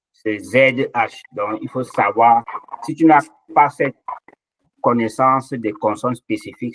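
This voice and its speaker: A man's voice: on the low side, background noise. A man patiently explaining letter sounds in an online language lesson. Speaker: language teacher. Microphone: online session microphone.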